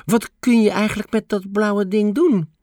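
A man voicing a patient, kindly grandmother in a storybook reading, gentle and musing. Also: high-pitched, fairly even intonation, normal speed, no echo, studio quality, voice pushed up, lightly acted.

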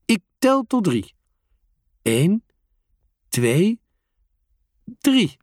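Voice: mid-range voice, drawn-out words, dry recording, clean studio sound, voice pushed up, heavily acted. A storyteller voicing Bas, a playful young boy in a children's storybook, speaking eagerly in a raised voice. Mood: excited. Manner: eager, excited.

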